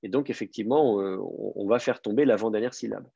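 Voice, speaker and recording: A male teacher with a slightly husky voice explains a grammar point patiently, slowing down to repeat each key word. The sound is dry and a little muffled, as if recorded at close range over a modest connection. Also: on the low side, mellow, no room sound. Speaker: Hebrew teacher. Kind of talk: online class explanation.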